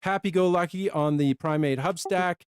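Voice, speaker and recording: A man co-hosting a casual product live stream, chatty and quick, sometimes short of breath. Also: high voice, clear, resonant tone, no echo, clean studio sound. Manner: chatty, talks fast and runs out of breath.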